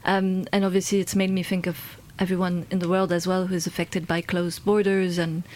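A woman's voice: on the low side, little pitch movement, a little fast, a little mellow. A London-born woman, a guest in a conversational interview, talking in a hesitant way with many fillers and restarts.

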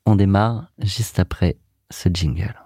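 A man hosting a podcast, asking questions in a halting way with many fillers. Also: sits low, creaky, over loud music. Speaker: podcast host. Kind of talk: casual interview questions.

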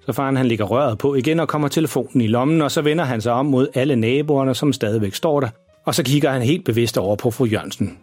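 A male storyteller reads a children's audio story in a calm, even way. His voice is slightly husky and recorded close and dry. Soft music stays faintly beneath him. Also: mid-range voice, dry recording.

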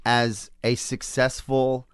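A man in casual conversation, giving feedback as a guest in a halting, insistent way with many restarts. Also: medium pitch, level tone, smooth, no echo, clean studio sound.

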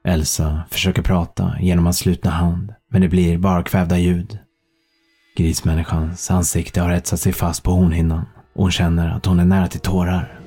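A man narrating a thriller audiobook in a calm, measured storytelling manner. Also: low voice, husky, faint music behind.

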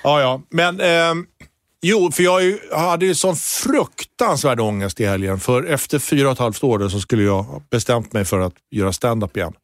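A man co-hosting a casual podcast, a stand-up comedian telling stories animatedly, his voice jumping up high when excited. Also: dry recording.

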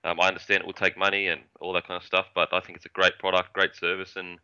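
A man's voice: deep voice, completely flat delivery, fast, pushed and bright, clear, resonant tone. An Australian man speaking as a podcast guest in casual interview chat, on slightly dull audio.

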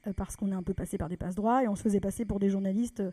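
A French woman telling a personal story in a lively, conversational way, often acting out the people she quotes. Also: medium pitch, rapid-fire. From France.

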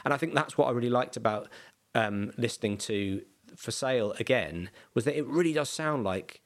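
A man's voice: medium pitch, moderate pace. A man hosts a casual podcast conversation in a mid-range voice. He rambles and thinks aloud, circling back with plenty of restarts and fillers. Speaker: podcast host.

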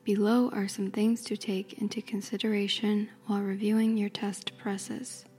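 A woman whispering softly and carefully, describing and reading aloud in an ASMR style. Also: mid-range voice, little pitch movement, husky, faint music behind. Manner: soft, slow, careful whisper. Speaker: ASMR creator.

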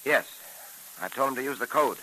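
A man playing a commanding police detective in a vintage radio serial, with an American accent. His voice is very bright and forceful at a medium pitch, clipped and decisive, over a hissy old recording. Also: a little fast, lightly acted, rough recording. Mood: intent, businesslike. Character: brisk, authoritative male police detective hero. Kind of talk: 1940s radio drama acting.

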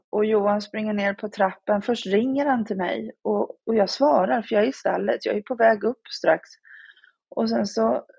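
Gravelly, husky woman telling a painful story. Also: medium pitch, a little mellow, dry recording, muffled recording. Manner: halting, many fillers and restarts. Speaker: bereaved mother telling her story. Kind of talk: personal testimony on a podcast.

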